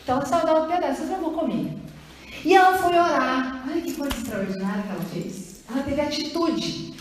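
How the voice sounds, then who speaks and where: A woman pastor preaches a sermon in a lively, conversational way, asking the congregation questions. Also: fast talker, a little hiss or hum. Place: large echoing church hall. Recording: booming church reverb, distant mic.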